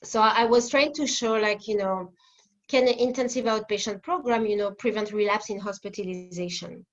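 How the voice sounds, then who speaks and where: Over a video call, a French woman in her forties with a French accent answers interview questions as a guest therapist, using many fillers and restarts. Her mid-range voice moves at a moderate pace, and the audio has its highs cut off.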